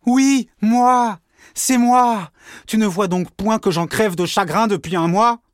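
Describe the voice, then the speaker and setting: A man doing a jealous young man in a rage, voice pushed high and loud, hot and accusing, in a dry, close recording of a spoken story. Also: moderate pace, no room sound, close to an everyday voice. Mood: furious. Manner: heated, accusing, raised voice.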